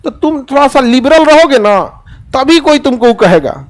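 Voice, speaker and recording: A middle-aged man lectures a chemistry class. His voice sits very high, and he keeps slipping into joking little scenes between the formulas. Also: very animated, a little slow. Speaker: chemistry teacher.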